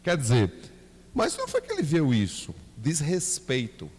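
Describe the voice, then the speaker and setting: A man's voice: a little high, moderate pace, breathy edge. A man with a Bahian Portuguese accent teaching a Bible class, asking the class questions and acting out little scenes. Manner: lively, asks the class questions, acts out scenes with his son. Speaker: church teacher. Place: church hall. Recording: reverberant church hall.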